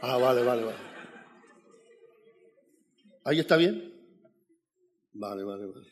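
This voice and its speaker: A man preaching as a guest in a church, telling his testimony in an animated way and calling out "amen" to the congregation. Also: medium pitch, measured pace. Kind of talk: sermon with personal testimony.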